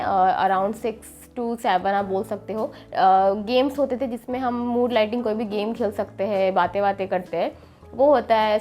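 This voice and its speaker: A young woman, a medical student, explaining her daily routine in a steady vlog with frequent pauses to think. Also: on the high side.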